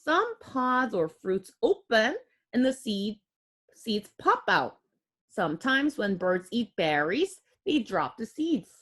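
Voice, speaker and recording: Slow and a bit breathy, her voice on the high side, a woman reads a picture book aloud to little kids in a teacherly way. She is expressive and child-directed, with audible gasps, exclamations, and simple asides explaining the story.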